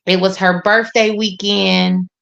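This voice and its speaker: A woman chats as a guest, her voice coming through a frozen video call with dull, muffled sound. She talks very slowly and easily. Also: medium pitch, flat delivery, vocal fry, fairly bright tone. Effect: lo-fi video call audio with a frozen screen. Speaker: guest on an online talk show. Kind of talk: casual chat.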